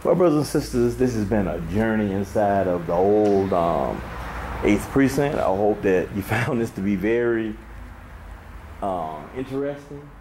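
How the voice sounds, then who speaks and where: A man's voice: on the low side, lively intonation, unhurried, darkish tone, echoey room, a little hiss or hum. A man, laid-back and streetwise, swearing casually as he narrates a walk-through of an abandoned police station on a handheld camera. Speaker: urban explorer.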